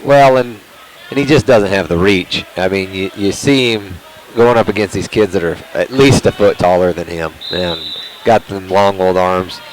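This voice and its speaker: A man's voice: low voice, normal speed, a little hiss or hum, rough recording. Laid-back folksy male wrestling commentator. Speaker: color commentator. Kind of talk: sports color commentary.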